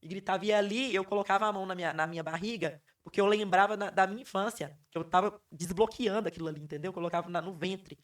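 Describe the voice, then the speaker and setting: Podcast guest: hoarse woman, emphatic and repetitive storyteller, set a little back from the mic. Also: medium pitch, fast, few pauses, distant mic. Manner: emphatic, repeats phrases for effect. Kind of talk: emotional personal storytelling.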